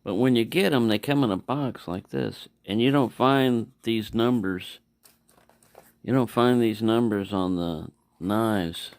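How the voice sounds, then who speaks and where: The voice is a man's, on the low side and a little slow, with a clean tone in a dry recording. Reviewing a knife casually and without a script, he meanders, corrects himself, and slips in mumbled asides.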